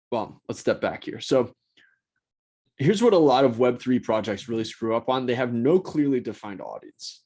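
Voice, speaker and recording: A man talking on his own show, loose and casual, with blunt, profane phrasing. He rambles, backtracks and restarts his sentences, and his voice sits at an ordinary middle pitch. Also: a little mellow. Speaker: host. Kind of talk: casual solo talk.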